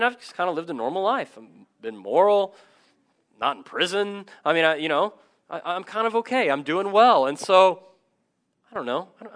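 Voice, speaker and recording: Pastor guy in his 30s preaching, bright higher voice, chatty and animated. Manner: energetic, conversational preaching with asides and self-deprecating stories. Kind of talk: sermon.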